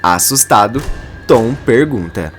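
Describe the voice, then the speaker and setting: Slow man narrating a soap summary. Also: on the low side, expressive, faint music behind. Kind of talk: scripted soap opera narration.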